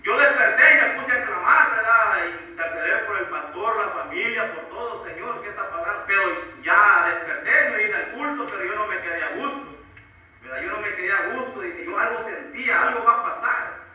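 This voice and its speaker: High bright voice, guy preaching his testimony all fired up, echoey church hall, mic kinda far. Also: brisk. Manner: fervent, repeats "¿verdad?" and "hermano". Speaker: church member giving testimony. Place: church sanctuary.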